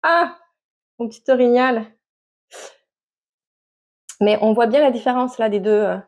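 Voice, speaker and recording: Hesitant woman, slightly high. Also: measured pace. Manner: hesitant, many fillers and restarts. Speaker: knitting vlogger. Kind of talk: casual show-and-tell chat to camera.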